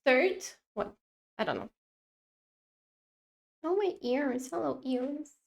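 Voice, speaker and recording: A young woman streaming while she draws, chatting casually to her viewers in a rambling, excitable way that keeps breaking off mid-sentence. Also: high voice, slow pace, vocal fry. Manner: rambling, self-interrupting, excitable.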